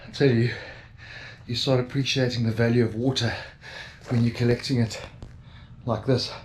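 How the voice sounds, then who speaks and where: A man's voice: medium pitch, flat delivery, a little fast, a little hiss or hum. Chatty South African man vlogging. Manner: chatty, joking, self-deprecating. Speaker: travel vlogger. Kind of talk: casual vlog chat. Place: motorhome camp beside a racetrack, outdoors.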